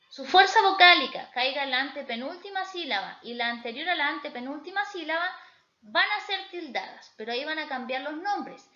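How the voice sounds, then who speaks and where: Bright high-voiced woman teaching a class. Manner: explanatory, checking in with a repeated "¿ya?". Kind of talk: recorded spelling lesson. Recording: echoey room, slightly dull sound.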